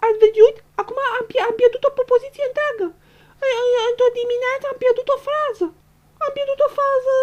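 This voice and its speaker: A woman's voice: very high-pitched, steady tone, darkish tone, dull audio. A woman playing a giddy, tearful young reality-show winner who stutters, repeats syllables and keeps losing her words. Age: young adult. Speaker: interviewee. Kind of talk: comedic sketch acting.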